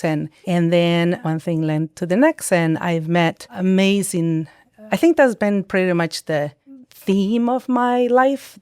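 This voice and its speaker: Woman, lowish, dry close mic. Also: a little mellow, smooth, dry recording. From El Salvador. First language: Spanish. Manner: storytelling, frequent restarts and acted-out quotes. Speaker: guest, psychiatric nurse practitioner. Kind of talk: casual interview chat.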